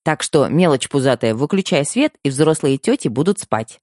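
A man voicing a stubborn, teasing young woman, the older sister, with quick retorts in an audiobook. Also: fairly high pitch, animated, a little mellow, no room sound, clean studio sound, natural voice. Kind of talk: audiobook character voice.

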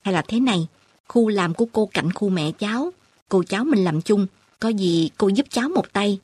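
A woman's voice: mid-range voice, animated, moderate pace, darkish tone, breathy edge, no echo. Woman doing a kindly middle-aged street sweeper. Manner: homely, practical reassurance.

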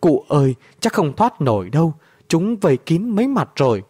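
A man's voice: fairly high pitch, big pitch swings, moderate pace, a little mellow, slightly rough. A man reading a story aloud, voicing a young wife just after childbirth, pleading between sobs. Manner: pleading, sobbing.

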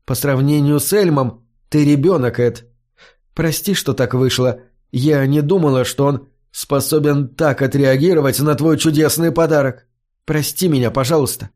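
A man voicing a gentle young female singer in an audiobook, pleading and then firm. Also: on the high side, normal speed, close to an everyday voice. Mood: soft, apologetic. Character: gentle young woman singer, later stern.

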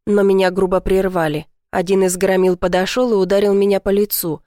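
Brief: woman audiobook narrator, earnest emotional first-person reading, dry close sound, mid pitch. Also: little pitch movement, a little fast, mellow, no echo.

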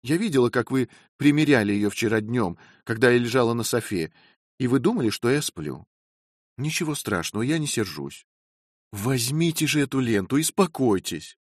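A man's voice: medium pitch, expressive, moderate pace, no echo, studio quality, lightly acted. A man voicing a fiery, imperious young wife. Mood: coaxing. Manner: sharp, imperious scolding.

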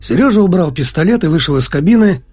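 A man narrates a novel with an expressive, ironic delivery. His voice sits a touch high and is slightly husky, with lively rises and falls. Faint music plays underneath. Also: fast. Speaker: audiobook narrator.

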